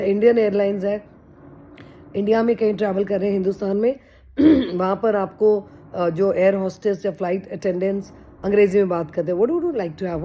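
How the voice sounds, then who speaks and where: Mellow-voiced woman giving chatty advice. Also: medium pitch, a little hiss or hum. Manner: earnest, chatty, mixes English phrases into speech. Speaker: vlogger. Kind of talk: casual motivational talk to camera.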